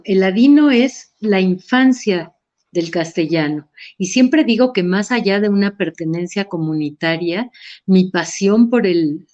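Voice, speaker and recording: At a talk, a middle-aged Mexican woman with a Mexican Spanish accent reflects personally and thoughtfully, hesitating and restarting as she goes. Her voice is fairly low and mellow, and the recording is slightly muffled.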